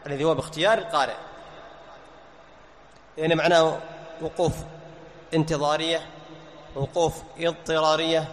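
A man's voice: a little high, little pitch movement, moderate pace, long pauses. A man teaching a lesson on Quran recitation. He quizzes his listeners with short questions, answers them himself and repeats the key terms. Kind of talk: classroom lesson. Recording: long reverb, faint background noise.

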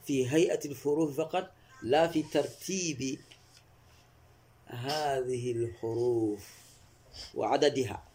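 A man teaching classical rhetoric in a traditional lesson, speaking slowly and repeating key words. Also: mid-range voice, warm tone, a little hiss or hum. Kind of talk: traditional text lesson, explaining line by line.

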